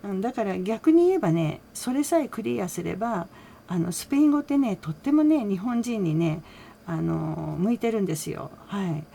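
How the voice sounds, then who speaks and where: Chatty woman with a gravelly edge. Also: mid-range voice, lively intonation, normal speed, mellow, slight background noise. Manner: chatty, relays quotes with small laughs and many fillers. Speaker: fan channel host recapping a radio interview. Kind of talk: casual solo commentary.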